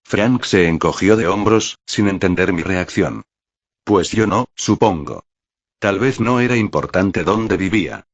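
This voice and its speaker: Deep-voiced man narrating a story. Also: unhurried, highs cut off. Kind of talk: first-person audiobook narration.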